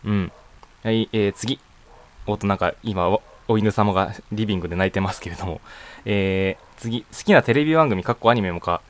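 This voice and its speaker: Young man rambling casually, lowish voice. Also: a little fast. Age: young adult. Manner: rambling, chuckles often, many casual fillers. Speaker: net radio host. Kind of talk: casual solo talk answering a voice questionnaire. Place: home room.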